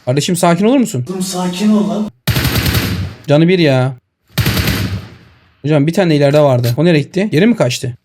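This excitable streamer, speaking on a headset mic, comments live on his shooter gameplay, chatting to viewers and hollering at opponents. His voice sits on the high side, a little fast but broken by long pauses. Gunfire and game audio make the recording very noisy.

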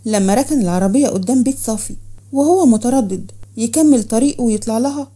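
A woman with an Egyptian accent narrating a story in a brisk, matter-of-fact way. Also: a little high, mellow, husky.

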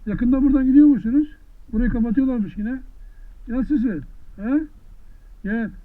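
A man talking gently to horses in an outdoor pasture, coaxing them with affectionate, repeated questions. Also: extremely high pitch, moderate pace, dry recording. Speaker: vlogger visiting wild horses. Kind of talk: casual talk to animals. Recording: tinny lo-fi phone-like sound, faint noise.

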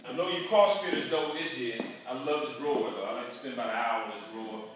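A middle-aged man with a Southern US accent gives a casual, boastful walking tour of his gym, talking fast in a medium-pitched voice with upbeat salesman patter. A handheld camera follows him through the echoey indoor rooms, catching distant, echoey audio with music playing in the gym.

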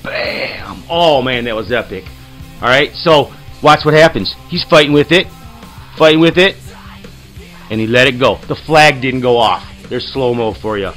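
A man hosting his own fishing show, giving a rambling, excitable voice-over with lots of fillers. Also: medium pitch, unhurried, faint music behind. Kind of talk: casual voice-over commentary. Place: studio voice-over, not the pictured lake.

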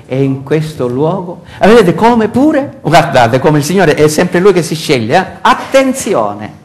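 Older Sicilian pastor preaching animatedly. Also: male voice, fairly high pitch. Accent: Sicilian Italian. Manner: animated preaching with rhetorical questions. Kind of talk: sermon. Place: church hall with congregation. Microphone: far camera.

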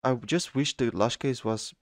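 A young man giving excitable let's-play commentary on a video game, jumping into high squeals when something thrills him. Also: measured pace, no room sound, clean studio sound. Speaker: gaming channel host.

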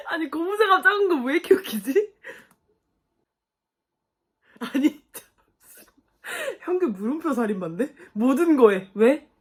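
Young woman doing a reaction vid, high voice, swings all over, keeps exclaiming and laughing. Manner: animated, exclaiming and laughing at the screen. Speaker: reaction video host. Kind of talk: casual reaction commentary.

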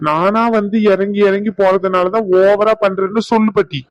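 A man's voice: sits high, flat delivery, normal speed, lightly acted. A man voicing an exasperated young husband, a doctor, who pleads and complains to his grandmother about his wife. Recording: dull lo-fi.

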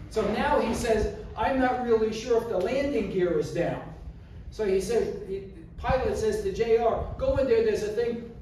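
A man giving an animated storytelling speech, acting out the scenes as he talks in a community hall. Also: sits high, slight background noise. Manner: animated, acts out scenes with gestures. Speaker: public speaker. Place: community hall, indoors, large room. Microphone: far camera, no mic. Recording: echoey hall from far off.

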